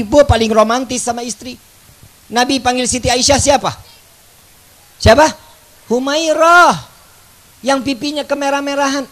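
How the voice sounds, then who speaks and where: A man preaching a humorous religious sermon, joking and calling out loudly to the crowd. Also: extremely high pitch. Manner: joking, loud call-and-response with the crowd. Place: outdoor religious gathering.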